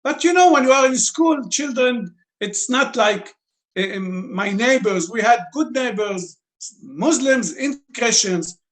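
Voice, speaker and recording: A man's voice: very high voice, expressive, a little slow, fairly bright tone. A man in his fifties from Lebanon, speaking English as an interview guest, searching for words and breaking his grammar. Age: 50s. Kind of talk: interview answers.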